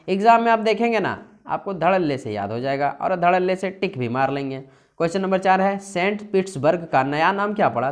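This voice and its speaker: A man teaching an exam-prep lesson, asking questions and answering them himself in a lively, coaxing way. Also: high-pitched. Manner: lively, coaxing, often calls the listener "brother".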